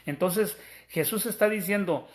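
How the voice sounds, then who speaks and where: In a high-sitting voice at a measured pace, a man delivers a sermon, working through scripture step by step. He calls his listeners brothers and frequently restarts sentences.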